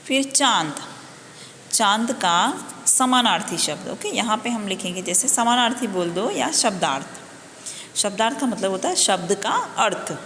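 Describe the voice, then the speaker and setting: A woman's voice: mid-range voice, animated, a bit bright. A woman teaching a Hindi lesson to young children, patiently spelling out and repeating each word. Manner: slow, patient, spelling words out and repeating them. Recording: echoey room, faint background noise.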